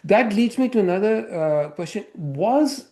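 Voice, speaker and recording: Host guy, kinda high voice, asks long rambly questions with lots of uhs. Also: lively intonation, a little slow, darkish tone. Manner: thinks aloud with many fillers and restarts. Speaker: podcast host. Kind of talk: casual interview talk.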